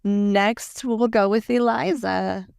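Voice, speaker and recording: An upbeat woman co-hosting a podcast, her voice carrying a gravelly edge. She talks in a welcoming, casual way. The sound is dry and close. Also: medium pitch, slow pace, a little mellow, no echo. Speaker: podcast co-host.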